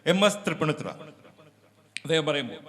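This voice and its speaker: A man's voice: on the high side, sing-song, fairly quick, fairly bright tone. A man performing a stage mimicry show, explaining and introducing each impression. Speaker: mimicry artist. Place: community gathering stage. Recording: echoey hall reverb.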